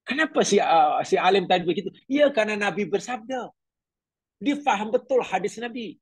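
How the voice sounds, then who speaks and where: A middle-aged man teaches a religious class in a high, expressive, slightly breathy voice at a fairly quick pace. He speaks conversationally, asks his listeners questions, and tells stories, captured in a dry recording.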